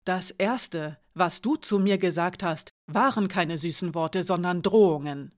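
A woman reading as a calm, soft-spoken female spy. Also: lowish voice, unhurried, lightly acted. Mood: earnest. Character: composed woman spy, quiet and earnest.

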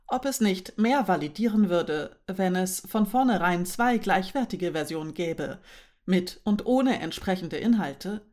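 A woman's voice: mid-range voice, a little mellow, lightly acted. A woman voicing Anuka, an eager young friend explaining her ideas in a storybook reading.

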